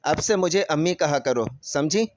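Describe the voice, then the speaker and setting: Cruel stepmother, voiced by a man, harsh, scolding, sharp commands, raised pitch. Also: dry recording, lightly acted. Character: harsh cruel stepmother, middle-aged woman.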